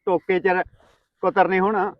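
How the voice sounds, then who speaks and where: Guy doing a cocky farmer in a village comedy, high voice, loud dramatic teasing, dry close sound. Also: flat delivery, measured pace, dry recording, highs cut off. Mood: coaxing. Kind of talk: Punjabi rural comedy skit acting.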